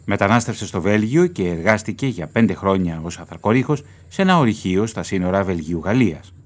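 A man narrating a documentary report in a solemn, measured, scripted way. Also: lowish voice, animated.

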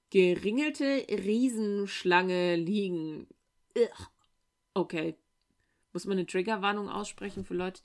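A woman of middle pitch reading a fairy tale aloud for a podcast, then stepping out of the story for dry, joking asides. Her narration moves between steady storytelling and casual chat with listeners. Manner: wry, joking commentary. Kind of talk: read-aloud with chatty asides.

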